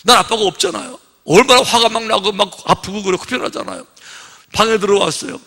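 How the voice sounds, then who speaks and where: High, bright-voiced preaching pastor. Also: male voice, fast, vocal fry. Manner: conversational preaching, rhetorical questions, acts out children's voices. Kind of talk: sermon. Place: church sanctuary. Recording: long reverb of a church hall.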